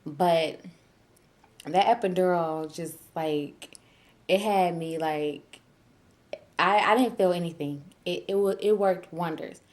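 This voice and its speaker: A young woman, telling a story casually and animatedly, laughing often and acting out her own shouting. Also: on the low side, slow pace, long pauses. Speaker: new mother vlogger.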